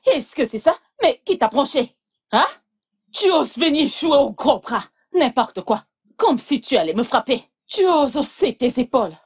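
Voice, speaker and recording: A woman's voice: high-pitched, sing-song, unhurried, husky, heavily acted. A woman voicing a domineering, scornful mother in a French film dub, mocking and scolding. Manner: mocking and scolding, then hushed and coaxing. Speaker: mother of the bride.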